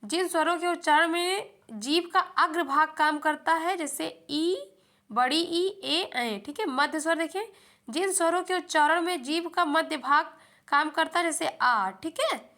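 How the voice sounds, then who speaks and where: Bright-voiced woman teaching a lesson. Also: extremely high pitch, measured pace. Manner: repeats questions back to the viewer, calls them friends. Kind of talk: exam-prep lesson.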